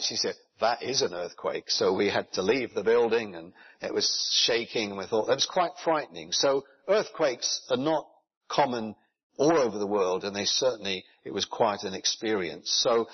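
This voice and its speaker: Man preaching in a husky voice. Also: mid-range voice. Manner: earnest, explanatory, with rhetorical questions. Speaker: pastor. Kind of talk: sermon. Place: church in Japan. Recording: dull lo-fi recording.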